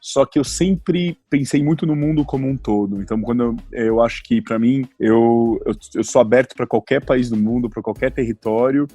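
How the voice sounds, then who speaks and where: A man's voice: mid-range voice, normal speed, hardly any pauses, dark tone, no room sound, soft background music. Hesitant São Paulo man in his forties. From Brazil (São Paulo). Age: 40s. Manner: hesitant, many restarts and fillers. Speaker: guest traveler. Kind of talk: casual interview talk.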